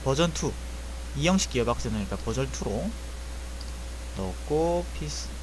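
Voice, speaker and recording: With lively intonation at normal speed, a man in a mid-range voice shows viewers how to buy airsoft gearbox parts in a screen-recorded walkthrough. As an airsoft repair tutor, he keeps it casual and step by step, often fixing his wording mid-sentence, with background noise present.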